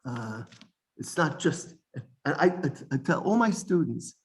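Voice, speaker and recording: A man teaching an informal Bible study lesson, animated, often repeating words and restarting sentences. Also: a little high, a little slow.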